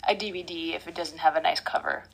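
A young woman chatting casually as a podcast co-host. She is easygoing and talkative, with lots of "like"s and quick laughs. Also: fairly low pitch, fairly even intonation, gravelly, breathy edge, low-quality recording. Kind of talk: casual chat.

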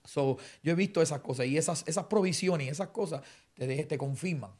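Fast-talking man preacher. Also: a little high, breathy edge. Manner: fast, animated storytelling, acts out dialogue. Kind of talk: conversational testimony.

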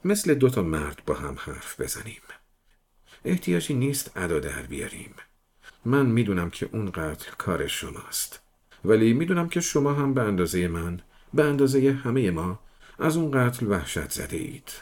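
A man voicing a shrewd police detective who persuades a suspect in a smooth, patient manner. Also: lowish voice, big pitch swings, a little mellow, pitched above the performer's own voice. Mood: persuasive. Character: shrewd coaxing middle-aged male police detective.

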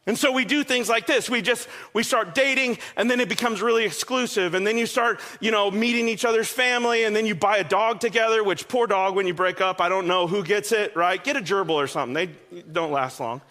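A man's voice: sits high, a little fast, few pauses, pushed and bright. A male pastor preaching a sermon in a conversational, joking way, often checking in with his listeners.

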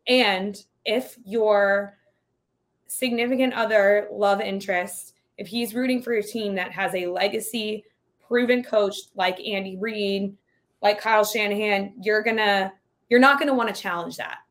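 A woman's voice: medium pitch, fairly even intonation, unhurried, a bit bright. A woman co-hosting a casual sports betting podcast, upbeat and chatty, laughing often. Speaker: podcast co-host.

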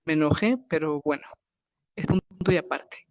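A young adult podcast co-host with a northern Mexican Spanish accent, telling a party story in slangy, animated casual chat and acting out what people said. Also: mid-range voice, a little fast, no room sound. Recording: dull, dry lo-fi podcast audio.

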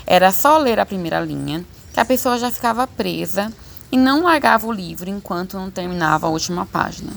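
A woman reading a children's book aloud as an audiobook narrator, expressive and lively. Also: mid-range voice, brisk, vocal fry. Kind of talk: storybook reading.

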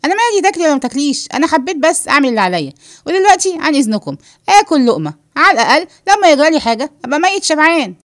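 A woman's voice: high voice, very animated, very fast, fairly bright tone, dry recording, studio quality, voice pushed up. A woman doing a cheeky wisecracking Egyptian man. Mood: teasing. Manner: teasing, wisecracking. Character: cheeky, joking man, carefree while eating.

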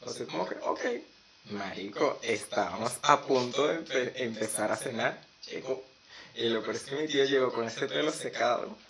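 A man's voice: mid-range voice, moderate pace, gravelly, a crowd in the background. Chatty Venezuelan guy telling stories. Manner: animated storytelling with slangy asides. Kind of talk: casual chat.

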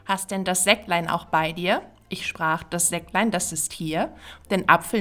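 A woman podcast host reciting a classic Christmas poem in a measured, rhythmic way. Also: mid-range voice, fairly bright tone.

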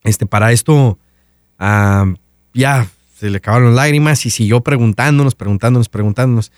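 A man speaks at an everyday middle pitch, retelling a personal story casually as a podcast host. He acts out the voices of the people in it with lively back-and-forth. The sound is close and dry, with no room echo. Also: normal speed, clear, resonant tone. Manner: animated retelling that acts out dialogue.

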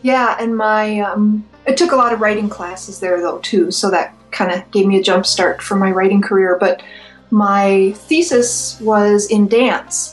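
A woman's voice: mid-range voice, poor audio. Friendly woman guest. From Minnesota. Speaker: guest author. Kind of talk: casual interview chat.

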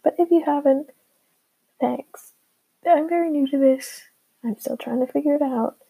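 A teenage girl chatting casually and hesitantly as a beginner solo podcast host, with lots of filler words, recorded on a low-quality earbud microphone. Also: moderate pace, gravelly, mellow. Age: teenager, fifteen. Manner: informal, hesitant, heavy filler "like".

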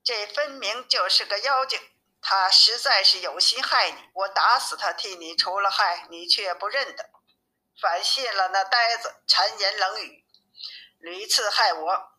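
A woman's voice: medium pitch, measured pace, bright, forceful tone, poor audio. A woman doing a brash monkey king. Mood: aggrieved.

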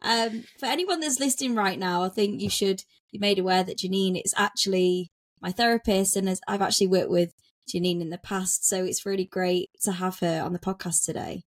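Speaking a little fast at medium pitch, a woman hosts a podcast in a dry recording. She opens with a read, scripted intro before settling into a relaxed, friendly chat with her guest.

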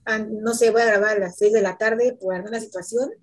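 Husky-voiced woman hosting a chat. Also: medium pitch, fairly even intonation, brisk. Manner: chatty, laughs easily. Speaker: podcast host. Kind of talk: casual podcast chat.

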